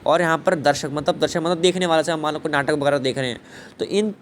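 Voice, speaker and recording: With a fairly high pitch and a quick pace, a man teaches Hindi poetry, asking himself questions, answering them, and repeating points. "Thik hai" and "bhai" come up constantly, and there's faint noise in the background.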